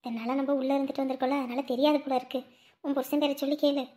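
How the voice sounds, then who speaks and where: Woman doing a calm older jail buddy, low-ish and soft, talks sense. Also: very fast, natural voice. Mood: explaining. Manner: soothing, matter-of-fact. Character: steady female companion from jail, calm, consoling.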